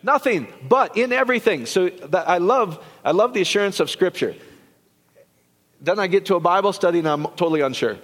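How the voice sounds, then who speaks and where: A man's voice: high-pitched, lively intonation, a little fast, fairly bright tone. Man preaching casually in an echoing hall. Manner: casual, rambling, with restarts and quoted asides. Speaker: pastor. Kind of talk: conversational sermon. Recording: long hall reverb.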